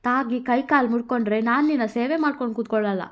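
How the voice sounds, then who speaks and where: A woman voicing a young man in a narrated story, scolding fast and exasperated. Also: a little high, close to an everyday voice.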